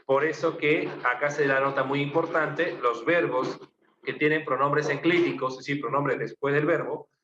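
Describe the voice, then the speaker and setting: A man's voice: a little high, steady tone, moderate pace. Peruvian male teacher, quizzes the class and repeats answers, in a roomy room with dull sound. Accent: Peruvian Spanish. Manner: asks the class questions, repeats answers, lists examples. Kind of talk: online class lecture. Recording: muffled, echoey room, faint noise.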